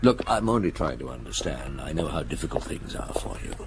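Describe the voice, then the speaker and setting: An actor playing a patient middle-aged chief inspector in a radio drama, questioning deliberately and kindly. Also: male voice, very deep voice, big pitch swings, noisy background, heavily acted. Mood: gently probing. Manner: questioning, deliberate, gently coaxing. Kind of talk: naturalistic radio drama acting.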